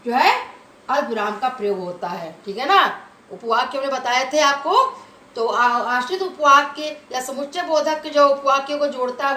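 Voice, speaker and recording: A woman's voice: high voice, bright, forceful tone. A woman teaching a grammar lesson to children, explaining step by step and often checking that they follow. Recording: echoey room with faint noise.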